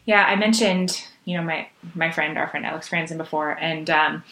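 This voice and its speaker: A woman hosting a podcast, asking questions in a thoughtful, halting way with many fillers. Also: low-pitched, bright, forceful tone. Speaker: podcast host. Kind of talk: casual interview chat. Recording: roomy, echoey sound.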